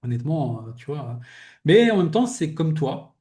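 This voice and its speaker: Mellow-voiced man musing aloud. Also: a little high, very animated, moderate pace. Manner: reflective, rambling, fills with "tu vois". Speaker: podcast host interviewing a guest. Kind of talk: casual heartfelt conversation.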